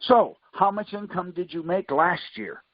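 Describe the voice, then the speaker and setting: On a muffled, lo-fi conference call, a teacher leads a group, his voice high-pitched with lively intonation and a slightly slow pace. He coaches by question and answer, pressing his listener with Socratic quizzing. There's no echo.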